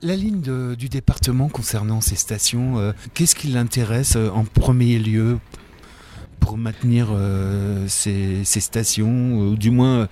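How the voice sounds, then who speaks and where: A man's voice: mid-range voice, unhurried, mellow, slight background noise. A man interviewing a local official, asking long questions and searching for words with many fillers.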